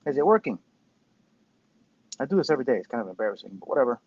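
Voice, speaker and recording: A man in his fifties hosts a casual commentary livestream, rambling in a self-deprecating, profane way. His mid-range voice is sing-song and racing, and the dry recording has no room sound but comes out dull and tinny through a Bluetooth headset mic.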